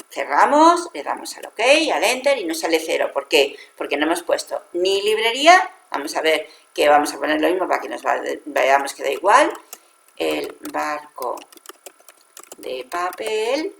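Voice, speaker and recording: Speaking in a lowish, creaky voice with a bit of brightness, a woman from Spain with a Spanish accent patiently takes viewers through a spreadsheet step by step. It's a screen-recorded software tutorial in which she corrects herself as she goes, and the sound is roomy.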